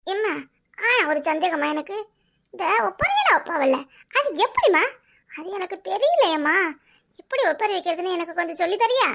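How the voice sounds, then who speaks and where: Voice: very high-pitched, sing-song, fairly quick, gravelly, long pauses, a bit bright, full character voice. A performer voicing a sly, wheedling adult village daughter in a cartoon, with a Kanyakumari Tamil accent and a mock-innocent way of asking. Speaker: cartoon character. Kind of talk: comic cartoon voice acting.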